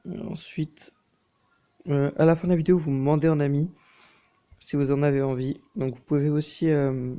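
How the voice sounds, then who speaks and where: A young man giving casual, crude commentary while playing a mobile game, talking fast and nervously, swearing often. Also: a little high, little pitch movement, mellow, clean tone. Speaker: mobile gaming YouTuber.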